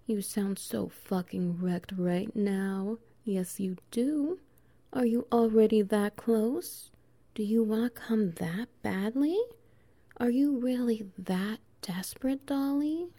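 Soft and teasing, a woman acts out an intimate audio roleplay, sliding into whispers and quiet laughs, with some vocal fry in her voice.

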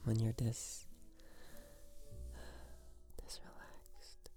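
A man in a whispered role-play as a tender, soothing boyfriend, murmuring sweet nothings in a soft, breathy voice. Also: very slow, faint music behind.

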